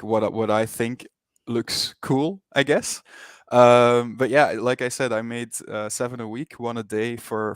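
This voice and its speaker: A Belgian digital artist whose first language is Dutch, with a Dutch-speaking Belgian accent, chats casually as an interview guest, hesitant and halting. His voice is lowish, clear and resonant, recorded dry with clean studio sound.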